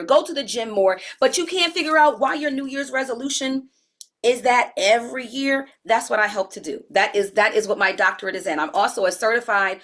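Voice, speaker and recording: A woman in her forties leads a live-streamed health coaching talk, her voice a little high. She's chatty and relaxed, addressing viewers directly and dropping casual slang.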